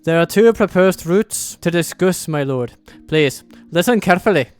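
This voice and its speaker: A man's voice: high voice, expressive, normal speed, a little mellow, clean tone, faint music behind. A man putting on a fake Scottish accent to voice a solemn dwarf herald reading a grand quest briefing. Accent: put-on Scottish. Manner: grand, old-fashioned storytelling delivery. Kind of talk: dramatic reading of game briefing text.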